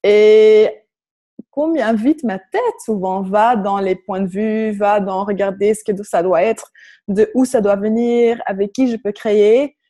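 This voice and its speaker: Flemish-accented woman speaking French, mellow voice. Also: medium pitch, unhurried. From Flanders, Belgium. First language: Flemish Dutch. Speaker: workshop facilitator. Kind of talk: guided visualisation and spiritual coaching to an online group.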